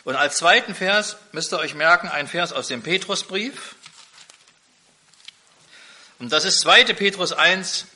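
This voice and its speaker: A middle-aged preacher delivers an emphatic sermon, driving home his points with rhetorical questions. His tone is very bright and cutting. His pitch sits a bit high and swings widely.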